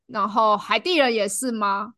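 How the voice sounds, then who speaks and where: A woman's voice: medium pitch, steady tone, normal speed, bright, forceful tone, no echo, studio quality. A woman hosting a chat podcast, reacting with exclamations and asking guiding questions. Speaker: podcast host. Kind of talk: casual chat.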